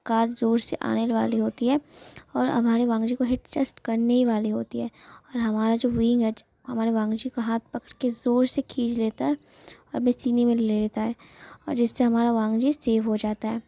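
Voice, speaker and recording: A woman retells a story in a chatty, loose manner, often circling back on herself. Her voice is mellow and a little high. It sounds close and dry, with no room around it. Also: flat delivery, moderate pace, creaky, no room sound. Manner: chatty, repetitive fillers. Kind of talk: casual retelling of a fan story.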